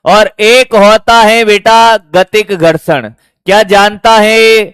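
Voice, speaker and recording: A man's voice: high-pitched, steady tone, slow pace, fairly bright tone, clean tone, dry recording. A man teaching physics to a class, often calling students "beta" and firing repeated check questions at them. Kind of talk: classroom lecture.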